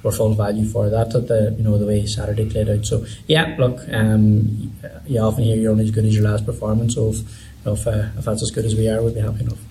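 A man with an Irish accent from Donegal speaks very quickly in a low-key, even tone, as a team manager in an interview. He often repeats phrases, and there is some background noise. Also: rough recording. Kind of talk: post-match interview talk.

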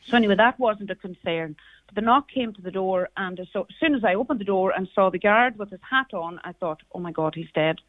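This middle-aged Irish woman, a guest on a radio interview, talks about things she has lived through in her Donegal accent; she comes from Carrigart, County Donegal. She speaks fairly quickly in a mid-range voice over a tinny, narrow phone line, with no room sound.

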